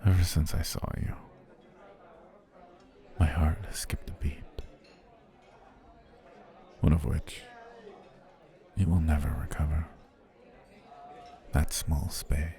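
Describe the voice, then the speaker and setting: In an ASMR roleplay, an actor with a bass voice plays an obsessive, smooth-talking male potion seller. His heavily acted performance uses soft, flowery, courtly phrasing that often drops to a whisper.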